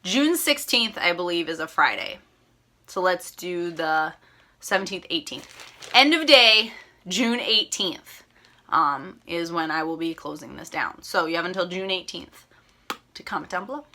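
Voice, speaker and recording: A woman's voice: on the low side, animated, a little slow, sharp tone. A young woman from Minnesota hosting her cross-stitch channel, chatting to viewers in a rambling, upbeat way that keeps correcting itself, her voice a little worn. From Minnesota, USA. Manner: upbeat and gushing. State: slightly losing her voice. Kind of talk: casual chat to viewers.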